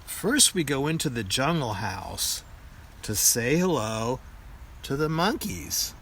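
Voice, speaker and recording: An older man with a grandpa voice reads a children's picture book aloud in a deliberate storytelling manner. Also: medium pitch, sing-song, fairly bright tone, slight background noise.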